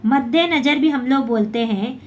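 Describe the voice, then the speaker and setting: A woman's voice: high voice, moderate pace, highs cut off, a little hiss or hum. A woman teaching a basic Hindi lesson, explaining step by step and often correcting herself.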